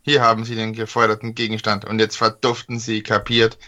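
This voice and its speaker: A man reading aloud the lines of a grating, grumpy robot speaking through a loudspeaker in a computer game. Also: on the low side, completely flat delivery, brisk, dull audio. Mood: grumpy dismissive. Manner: reads game text aloud, dismissive.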